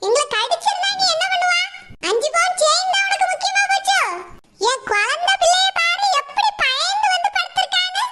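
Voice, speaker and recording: A woman with a southern Tamil Nadu dialect voicing a fierce, protective village mother in a cartoon, high and shrill. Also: expressive, a little fast, sharp tone, slight background noise, heavily acted. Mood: scolding. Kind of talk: cartoon voice acting.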